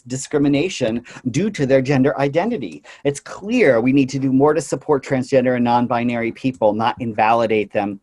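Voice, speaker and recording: A man giving an earnest conference talk about his slides, often pausing on "uh" and "you know" and briefly slipping into high mocking voices for quotes. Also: a little mellow. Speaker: conference presenter.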